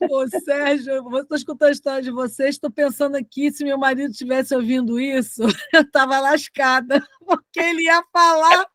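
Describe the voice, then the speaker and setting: A woman's voice: high voice, normal speed, no room sound, studio quality. A Brazilian woman in a study group, sharing a home story with frequent laughs. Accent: Brazilian Portuguese. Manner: laughs often, lively storytelling. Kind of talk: casual chat.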